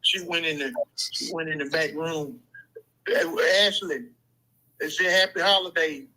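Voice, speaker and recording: A man's voice: on the high side, steady tone, unhurried, sharp tone. A man calling in to a talk show over the phone, earnest and supportive, rambling with fillers and restarts. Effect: heard over a phone call. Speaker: caller to the show. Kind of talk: casual call-in chat.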